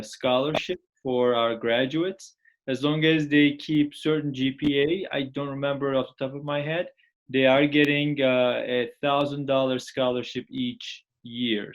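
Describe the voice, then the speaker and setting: A man from the charter school telling parents about scholarships, speaking haltingly with many pauses. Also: mid-range voice, muffled recording. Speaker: charter school staff member. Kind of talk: informational talk to parents.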